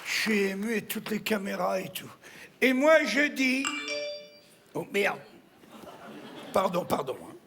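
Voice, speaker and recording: A man's voice: sits high, expressive, unhurried, long pauses, a crowd in the background, background noise. A man playing a brash, vulgar woman in her sixties who opens the show, swearing and teasing the audience from a theatre stage. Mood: crude teasing. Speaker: stand-up comedian. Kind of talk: live stand-up character act.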